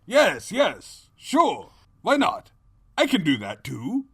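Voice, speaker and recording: A high-voiced, scheming pony king who speaks in slow, theatrical swoops. He is pompous, melodramatic and secretly cowardly, a grand villain from a cartoon storybook. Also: huge pitch swings, a bit bright, breathy edge, no room sound, studio quality, exaggerated voice. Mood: smug, scheming.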